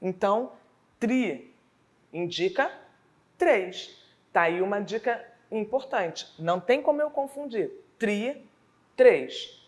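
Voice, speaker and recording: A woman teacher from Brazil with a Rio de Janeiro accent, explaining a school lesson slowly and deliberately, sounding out words syllable by syllable. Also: medium pitch. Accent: Rio de Janeiro Portuguese.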